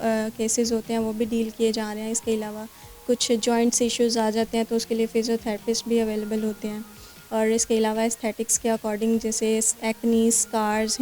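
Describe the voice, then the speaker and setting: Soft-toned Pakistani woman doctor explaining. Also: fairly high pitch. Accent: Pakistani Urdu. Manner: explanatory, with many fillers and English terms. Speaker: clinic doctor. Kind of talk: interview answers. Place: skin clinic.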